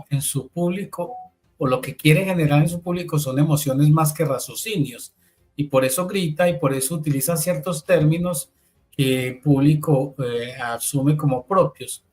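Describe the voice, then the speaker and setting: A man's voice: fairly high pitch, darkish tone. A man hosting an interview, framing long, discursive questions for his guest. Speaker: interviewer host.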